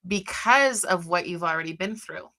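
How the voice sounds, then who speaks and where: A woman hosting a conversational interview, who drops in quick affirming words while her guest talks. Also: fairly low pitch, lively intonation, pushed and bright. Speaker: podcast host.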